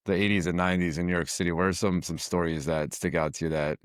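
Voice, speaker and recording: Deep-voiced male podcast host. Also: little pitch movement, fast talker, smooth, no echo, clean studio sound. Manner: friendly, asks short open questions, slight stumbles. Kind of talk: interview hosting.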